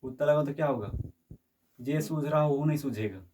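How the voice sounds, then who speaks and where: A man's voice: on the high side, brisk, dark tone, slight background noise. Distant male teacher quizzing his class. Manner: quizzes students with repeated questions and checks understanding. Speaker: physics teacher. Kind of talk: classroom lecture.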